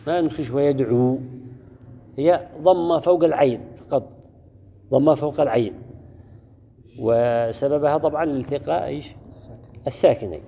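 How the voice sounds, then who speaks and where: A man's voice: medium pitch, moderate pace, vocal fry, long pauses, dark tone, slight background noise. A man teaching a class, repeating key words and putting questions to his students. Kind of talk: classroom lesson on Quran orthography. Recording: dull lo-fi recording in a reverberant hall.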